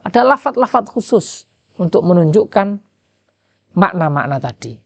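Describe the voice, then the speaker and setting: A man's voice: sits high, sing-song, moderate pace, vocal fry, dry recording. Javanese-accented man teaching a kitab lesson. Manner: quizzes listeners with rhetorical questions. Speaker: Islamic jurisprudence teacher. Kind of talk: kitab lesson, reading and translating Arabic.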